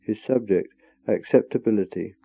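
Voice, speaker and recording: A man's voice: on the low side, moderate pace, vocal fry, husky, dry recording. A man formally announcing an archive address, heard on an old recording. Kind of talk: formal spoken introduction. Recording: tinny, dry old recording.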